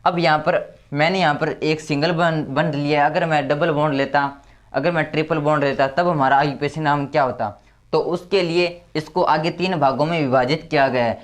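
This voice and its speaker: Higher-voiced man tutoring chemistry. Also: fairly even intonation. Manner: repeats key terms, counts slowly aloud. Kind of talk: explaining step by step at a board.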